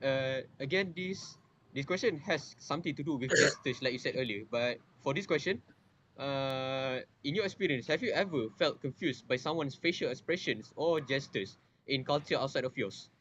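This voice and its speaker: A man's voice: mid-range voice, lively intonation, moderate pace, a bit bright. A man asks interview questions, rambling a bit with fillers as he builds up to his point. The recording sounds slightly dull, with faint noise behind him. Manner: rambling, filler-heavy phrasing. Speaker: student interviewer.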